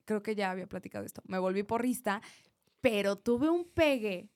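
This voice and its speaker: A young Mexican woman with a Mexican accent, co-hosting a casual chat, animated and laughing often. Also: mid-range voice, moderate pace. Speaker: podcast co-host.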